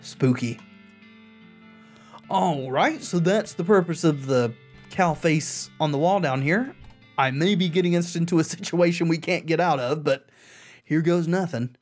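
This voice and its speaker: A woman's voice: sits low, measured pace, a little mellow, faint music behind. A woman playing a video game, reading its text aloud and adding casual commentary of her own. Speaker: video game player and narrator.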